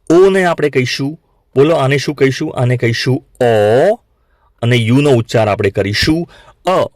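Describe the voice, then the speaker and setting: A man teaching English phonics to beginners, saying each sound slowly and asking learners to repeat it back. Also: mid-range voice, no echo. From Gujarat, India. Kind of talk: classroom lesson for beginners.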